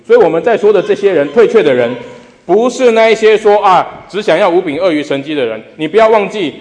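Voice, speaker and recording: A man's voice: high-pitched, darkish tone. A man preaching a sermon as pastor, putting rhetorical questions to the congregation and repeating phrases for emphasis. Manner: emphatic repetition. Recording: long reverb of a large hall.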